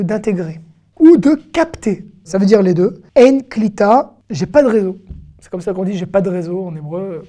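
A middle-aged woman teaching an online language lesson, patiently repeating each word slowly. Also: lowish voice, dark tone. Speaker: Hebrew teacher.

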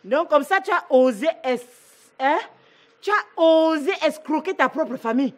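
A woman's voice: high-pitched, lively intonation, a little slow. A woman playing a furious mother who scolds her grown son with repeated demanding questions in a comedy web series. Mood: scolding. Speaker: angry mother.

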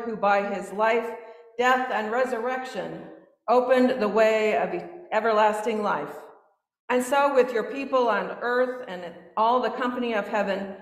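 Woman pastor in cathedral echo. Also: on the high side. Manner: measured, solemn intoning. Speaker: pastor leading communion. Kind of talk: liturgical prayer. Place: large church sanctuary. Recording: echoey church from a distance.

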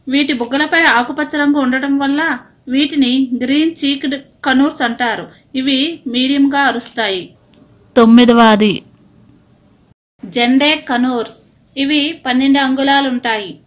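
A woman with a high, light voice reads an informational voice-over. She speaks in short, plain sentences, stepping through one item after another at an even, steady rate. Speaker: narrator.

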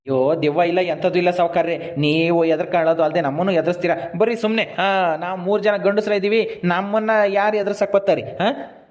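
A man's voice: high-pitched, fairly even intonation, brisk, darkish tone, close to an everyday voice. A man playing a loyal, blunt village servant, calling out and scolding plainly in a rustic comedy skit. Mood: brusque. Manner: calls out repeatedly, scolds and reassures plainly.

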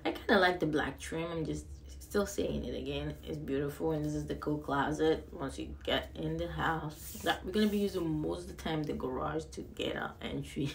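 Excited low-voiced woman touring a house. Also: vocal fry, slight background noise. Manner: excited, rambling, repeats words. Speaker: vlogger giving a house tour. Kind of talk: casual home tour narration. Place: empty house, indoors. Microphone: handheld phone camera, filming.

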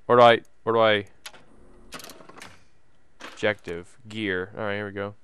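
A man's voice: lowish voice, fairly even intonation, unhurried, fairly bright tone, a little hiss or hum. Goofy young man narrating his gameplay. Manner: goofy, jokey, mutters menus aloud, bursts into silly voices. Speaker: gameplay commentator. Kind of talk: casual game commentary.

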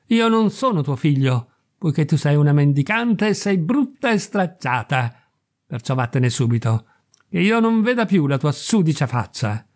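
A man's voice: a little high, sing-song, moderate pace. A man voicing a proud, cruel boy who speaks with harsh scorn. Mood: angry.

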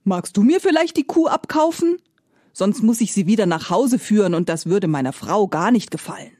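A woman's voice: mid-range voice, lively intonation, moderate pace, darkish tone, dry recording, studio quality, natural voice. A woman voicing a simple-minded male farmer who talks in a folksy, exclaiming way. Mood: earnest.

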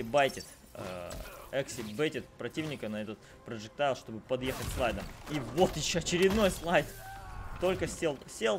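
A man doing live fighting game commentary, slangy and exclamatory, repeating phrases for emphasis. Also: mid-range voice. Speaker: esports commentator. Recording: loud game music behind. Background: fighting game music and sound.

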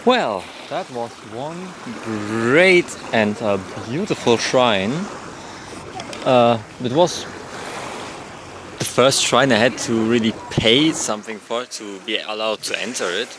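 A young man talks to a camera held at arm's length outdoors, and water and wind noise come through clearly behind him. He speaks at an everyday pitch, rambling through his travel vlog and pausing to hunt for the right word. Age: young adult. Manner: rambling, searches for words, gushes over animals. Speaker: travel vlogger. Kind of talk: casual travel vlog narration. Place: outdoors on a seaside shrine island. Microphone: action camera held at arm's length. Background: water lapping and outdoor ambience.

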